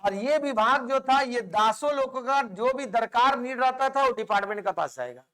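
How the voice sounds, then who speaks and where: A man's voice: extremely high pitch, animated, moderate pace, a bit bright, smooth. A male teacher giving an exam-prep history lecture, repeating key names and quizzing his students, with English words mixed in. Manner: mixes English words into Hindi.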